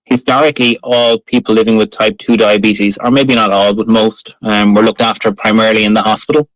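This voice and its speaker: A man with a west of Ireland accent, speaking as an interview guest in a measured, modest way. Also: lowish voice, level tone, a bit bright, dry recording, low-quality recording. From Galway, west of Ireland. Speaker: guest speaker, hospital and community diabetes doctor. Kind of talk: interview conversation.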